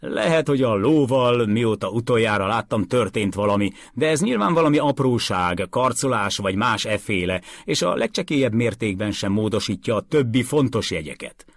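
A man's voice: medium pitch, expressive, few pauses, no echo, studio quality, voice pushed up. A man reading aloud, voicing a blustering, pushy wealthy man in a storybook. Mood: pressing. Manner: loud, insistent, bullying.

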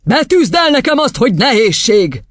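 A man's voice: extremely high pitch, very animated, no room sound, studio quality, voice pushed up. A man voicing a furious, tyrannical female headmistress in an audiobook, screaming and scornful. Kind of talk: audiobook character voice.

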